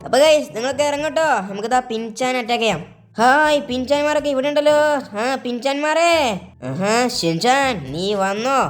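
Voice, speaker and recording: Shinchan, a woman voicing a loud, bossy cartoon boy. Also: high-pitched, animated, moderate pace. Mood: cocky. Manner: shouty, bossy. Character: cheeky young boy gang leader. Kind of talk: game role-play voice.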